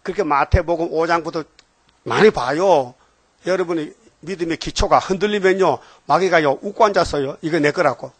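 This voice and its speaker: A man's voice: a little high, moderate pace, no room sound. An older man preaching a sermon, emphatic and constantly prompting the congregation for a response. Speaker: pastor.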